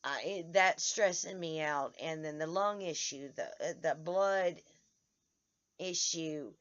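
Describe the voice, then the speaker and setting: A woman vlogger with a hoarse, low voice talks casually to her followers outdoors in the sun, and the recording's highs are cut off. She sounds tired and halting, stammering and restarting often in short broken phrases.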